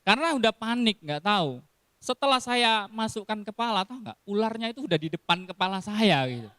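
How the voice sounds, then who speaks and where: A man's voice: high-pitched, expressive, fairly quick, fairly bright tone, clear, resonant tone, no echo. A man giving a casual sermon in style, telling stories with acted quotes and frequent laughs. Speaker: preacher.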